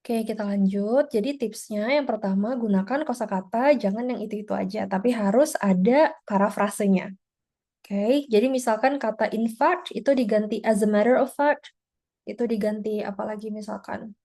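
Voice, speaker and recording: A woman's voice: medium pitch, moderate pace, warm tone. A woman teaching an online exam-prep class over a video call, explaining in a chatty way with frequent tag words. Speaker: IELTS teacher.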